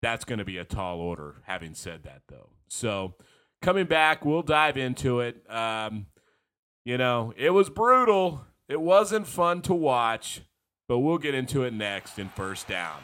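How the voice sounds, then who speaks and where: Guy with a cold hosting a sports podcast, scratchy but bright voice, rambly fan talk. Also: mid-range voice, big pitch swings, measured pace, clean tone. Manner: frank, rambling, self-deprecating fan talk. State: hoarse from a cold. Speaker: podcast host.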